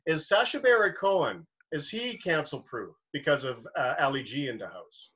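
A man co-hosting a podcast in a casual, jokey chat, animated and self-deprecating. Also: fairly high pitch, normal speed, slightly rough. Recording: dull lo-fi sound.

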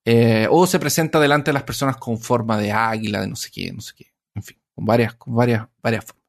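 A man's voice: mid-range voice, fairly even intonation, a little fast, gravelly. A man casually retelling a myth in conversation, rambling and self-correcting as he goes. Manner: rambling with many fillers and restarts, self-correcting.

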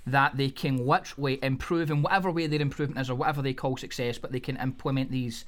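A man's voice: medium pitch, fairly even intonation, fast talker. A man hosting a business podcast, introducing and interviewing in a conversational way.

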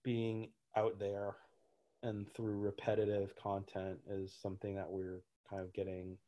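A man with a fairly low voice talks casually as a guest, explaining his ideas in a roundabout, halting way. He keeps circling back with fillers and restarts as he works out what he means. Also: completely flat delivery, mellow. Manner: rambling, many fillers and restarts. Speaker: gym owner, guest. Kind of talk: casual interview talk.

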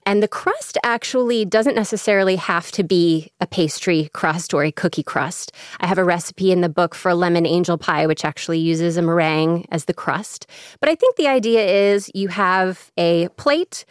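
A woman's voice: lowish voice, normal speed, smooth, dry recording, studio quality. A woman from the Midwest with a Chicago accent, chatting enthusiastically as a cookbook author in a radio interview. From American Midwest. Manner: enthusiastic, chatty, laughs often.

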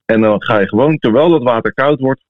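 A man's voice: mid-range voice, fairly quick. A man with a Dutch accent from the Netherlands chatting casually and informally as a podcast host. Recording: thin phone-like sound, echoey room.

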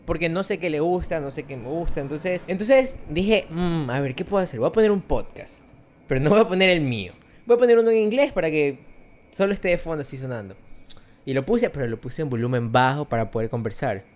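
A young man with an Ecuadorian accent, co-hosting a podcast and telling a story in casual chat, animated and quick to laugh. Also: on the high side. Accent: Ecuadorian Spanish. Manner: animated, laughs often, acts out quoted voices. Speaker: podcast co-host.

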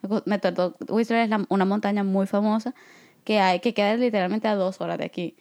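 A woman with a Salvadoran Spanish accent co-hosting a podcast in easy, talkative conversation. She is relaxed, fills her sentences with small fillers and laughs, and her pitch sits in the middle of the usual range. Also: a little fast. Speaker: podcast co-host. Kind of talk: casual chat.

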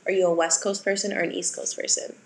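A woman's voice: on the low side, little pitch movement, quick pace, roomy sound. A young woman from Wisconsin co-hosting a casual podcast, chatty and full of fillers. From Wisconsin, USA. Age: young adult. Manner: chatty, filler-heavy, giggly. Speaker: podcast co-host. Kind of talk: casual chat.

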